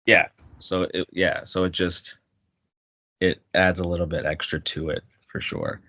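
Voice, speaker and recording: A man's voice: deep voice, unhurried, dry recording, highs cut off. A man co-hosting a podcast, chatting casually and retelling movie scenes, laughing often and restarting his sentences. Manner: animated storyteller, laughs often, many restarts. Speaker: podcast co-host. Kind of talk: casual chat.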